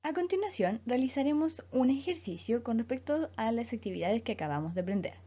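A woman from Chile, an English teacher speaking slowly and clearly as she leads a school lesson. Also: a little high, lively intonation, dark tone. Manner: slow, clear teacher delivery, repeating words for students. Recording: dull lo-fi voice recording.

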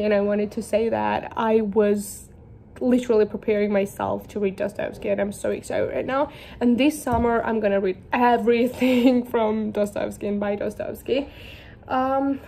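This young Georgian book vlogger, whose native language is Georgian, talks about her books in English in a casual, giggly, self-deprecating way. Her medium-pitched voice is creaky and dark, and there's a faint hiss or hum on the track.

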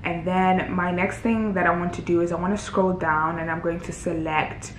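Chatty young woman talking through edits. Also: moderate pace. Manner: relaxed and chatty, thinks aloud while clicking through settings. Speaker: fitness creator showing her editing workflow. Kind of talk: casual screen-recorded tutorial. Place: indoor room, voice-over on a screen recording. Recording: roomy with faint rumble.

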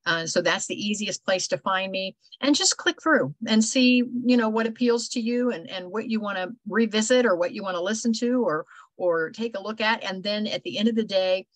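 An older woman from Ohio hosts a casual video call meetup, chatty and rambling with plenty of fillers. Her medium-pitched voice moves at a moderate pace through a video call microphone, with no echo but low recording quality.

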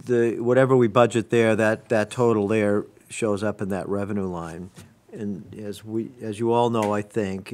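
Fairly low voiced man walking the board through budget lines, table mic, meeting room. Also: a little mellow. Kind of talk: town budget meeting presentation. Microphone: table microphone.

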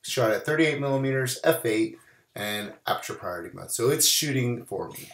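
Still regaining his voice after bronchitis, a man narrates a photo-editing tutorial over screen capture. His pitch is mid-range and his pace moderate, and there's reverb around him. He keeps it loose and casual, repeating "we're gonna" often.

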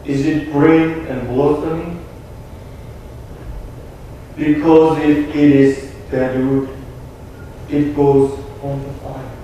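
A young man with a Korean accent, a pastor delivering an earnest, emphatic sermon with deliberate pauses. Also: on the high side, little pitch movement, dark tone, a little hiss or hum. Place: small church sanctuary. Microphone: room mic from a distant camera. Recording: echoey church from far off.

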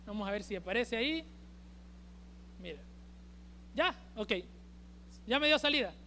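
A male preacher with a Honduran accent delivering an emphatic sermon at a church service, swinging between loud and hushed. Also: very high voice, lively intonation, measured pace, slight background noise. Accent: Honduran Spanish.

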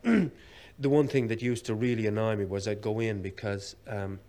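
A man's voice: fairly low pitch, normal speed, dark tone. A man with an Irish accent, an actor telling wry anecdotes in a television interview, hesitating often with ums and uhs. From Ireland. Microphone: television studio microphone.

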